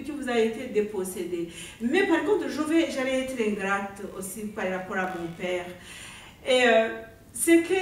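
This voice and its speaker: A woman's voice: high voice, a little hiss or hum. A woman from Rwanda with a Rwandan accent, an author talking hesitantly at a book presentation and often searching for words. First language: Kinyarwanda. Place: bookshop event room. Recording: very echoey room, voice far from mic.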